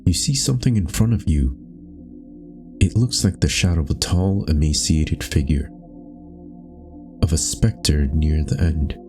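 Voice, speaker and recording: Over soft background music, a man with a rumbling low voice reads scripted second-person narration for a dark existential story. His delivery is solemn, measured and brooding.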